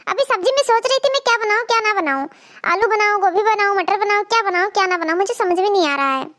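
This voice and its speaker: A woman's voice: very high voice, fast talker, fairly bright tone. A woman voicing a fretful young cartoon bride. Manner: fretful, exasperated, talks to viewers. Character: flustered young new daughter-in-law. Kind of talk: cartoon comedy voice acting.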